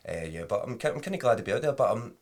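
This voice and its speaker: A man's voice: lowish voice, big pitch swings, very fast, a little hiss or hum. A man in his thirties with a West Lothian Scottish accent, chatting in an informal, rambling way as an interview guest. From Scotland. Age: 30s. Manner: informal, rambling, often adds "you know". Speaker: podcast guest, drummer. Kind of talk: casual chat.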